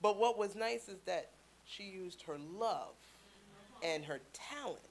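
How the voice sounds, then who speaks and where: A woman from Canada speaking to a church congregation, telling stories with playful asides in a lively sermon. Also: medium pitch, slow. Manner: chatty storytelling with playful asides.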